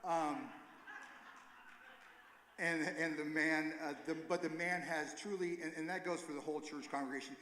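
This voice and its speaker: A man leading a recovery ministry gives an informal, earnest church talk, halting and correcting himself as he goes. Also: a little high, fairly even intonation, a bit bright, slight background noise. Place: church sanctuary. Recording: echoey hall with long reverb.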